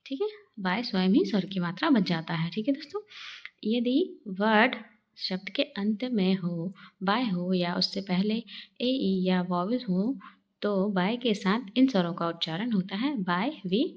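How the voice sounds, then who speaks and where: Woman teaching English phonics. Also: mid-range voice. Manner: explains sounds, then reads out word lists slowly. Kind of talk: phonics lesson.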